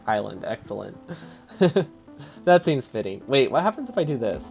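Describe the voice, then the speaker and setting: A man's voice: mid-range voice, sing-song, normal speed, vocal fry, darkish tone, faint music behind. A man streaming a video game live, thinking aloud, chuckling often and answering his chat in a casual, easily amused way.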